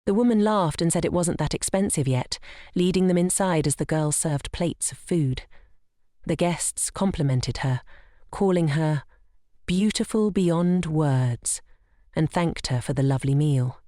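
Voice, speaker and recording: Mellow woman narrating a comic recap. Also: low-pitched, unhurried, no echo, studio quality. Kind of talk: scripted story narration.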